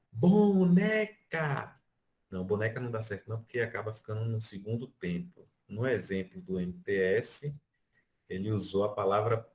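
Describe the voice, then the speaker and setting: A Brazilian man teaching an online music class, explaining by counting beats and stretching out syllables. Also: fairly low pitch. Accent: Brazilian Portuguese. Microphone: video call.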